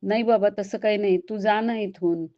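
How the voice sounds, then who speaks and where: A woman's voice: mid-range voice, measured pace, highs cut off, natural voice. A woman doing a cranky old blind hermit. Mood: irritated. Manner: grumbling, complaining tone. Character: old blind male ascetic, weeping and cranky.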